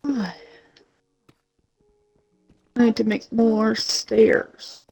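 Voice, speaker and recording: Relaxed chatty woman gaming on stream. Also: a little high, drawn-out words, vocal fry, slightly rough, rough recording. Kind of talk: casual chat while gaming.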